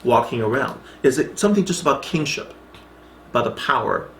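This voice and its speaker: A man's voice: mid-range voice, very animated, brisk, fairly bright tone, reverberant, a little hiss or hum. A man teaching a Bible study in a chatty way, reading scripture aloud and adding asides, often checking in with "okay?" as he goes. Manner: frequent restarts and checks like "okay?".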